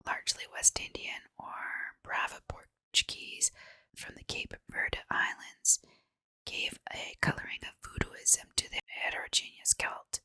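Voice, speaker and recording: A woman reading a horror story for ASMR in a hushed, breathy, unvoiced whisper, with deliberate, measured phrasing. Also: no echo. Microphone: close mic, dry.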